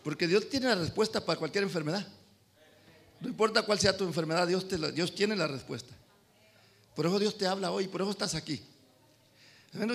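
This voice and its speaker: A pastor preaching a sermon, swinging between loud and soft and calling out amen to the congregation. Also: male voice, high voice, creaky. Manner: addresses congregation as brothers, calls amen.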